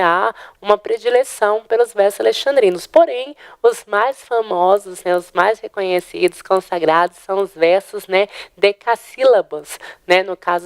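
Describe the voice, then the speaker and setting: Brazilian female teacher, patient explainer, smooth resonant tone, close and dry. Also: medium pitch, dry recording. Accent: Brazilian Portuguese. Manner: explains step by step with frequent "né?" check-ins; counts syllables aloud slowly. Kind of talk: online exam-prep lesson.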